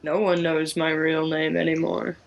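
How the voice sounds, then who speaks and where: A man's voice: a little high, monotone, moderate pace, creaky, lo-fi sound. A man playing a tabletop game and chatting casually in character and out.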